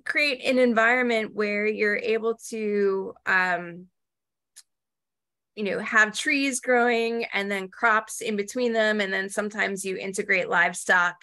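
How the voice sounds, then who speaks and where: A woman's voice: medium pitch, fairly even intonation, a little slow, sharp tone. A woman in her forties answering questions on a video call from her dining room, speaking hesitantly with many fillers. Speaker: guest speaker. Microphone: laptop webcam, video call.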